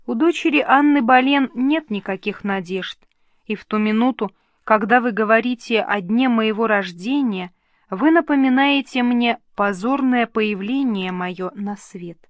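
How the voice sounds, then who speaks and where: A woman's voice: on the high side, measured pace, no room sound, natural voice. A woman voicing an earnest, emotional young princess who speaks in fervent exclamations in an audiobook reading. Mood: sorrowful.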